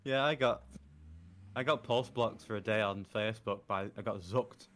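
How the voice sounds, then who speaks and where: A man's voice: on the low side, normal speed, fairly bright tone. A man co-hosting a casual podcast, trading playful jokes and banter. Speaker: podcast co-host. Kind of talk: casual chat.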